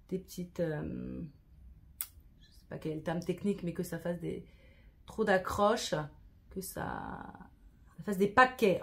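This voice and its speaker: A woman's voice: on the low side, gravelly. A woman chatting through a makeup tutorial in a casual, self-deprecating way, sprinkling in English words. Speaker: beauty vlogger.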